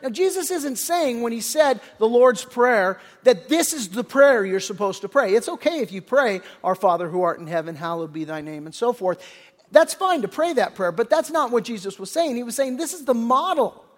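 A man's voice: extremely high pitch, animated, moderate pace. An older man preaching a conversational sermon as pastor, folksy and full of restarts, often acting out the characters' lines. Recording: long reverb of a large hall.

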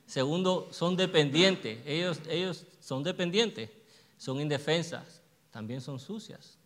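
A man's voice: fairly high pitch, lively intonation, a bit bright. Man preaching in an echoing hall. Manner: asks the congregation questions and answers them himself; slows down to stress verses. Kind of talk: sermon. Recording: long hall reverb.

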